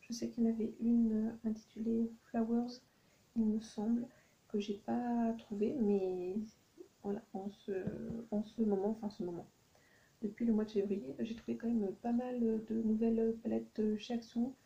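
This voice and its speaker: A woman's voice: on the high side, flat delivery, normal speed, creaky, warm tone, lo-fi sound. A woman chatting through a shopping haul for her channel, hesitant and thinking aloud with many ums. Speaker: YouTuber doing a shopping haul. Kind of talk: casual haul vlog. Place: at home at night.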